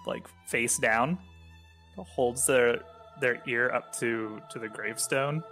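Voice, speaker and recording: A man's voice: medium pitch, takes it slowly, bright, forceful tone, faint music behind. A man playing a tabletop role-playing game, casually describing what his character is doing.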